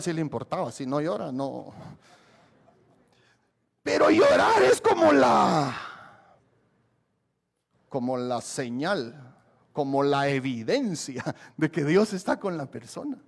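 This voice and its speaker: Gravelly pastor preaching. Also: male voice, fairly high pitch. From Guatemala. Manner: emphatic preaching, repeats key phrases, asks the congregation questions. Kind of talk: sermon.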